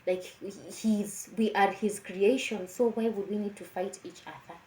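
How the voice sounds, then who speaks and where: A woman's voice: mid-range voice, fairly even intonation, moderate pace, dark tone. A woman speaks in a casual monologue, emphatically posing rhetorical questions and repeating her phrases. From Africa. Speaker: vlogger giving personal opinions. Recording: echoey room.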